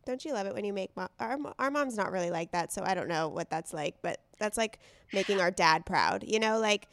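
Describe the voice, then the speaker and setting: A woman's voice: medium pitch, animated, a little fast, fairly bright tone, no room sound. Effusive woman, dry close sound. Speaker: podcast co-host. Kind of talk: casual chat.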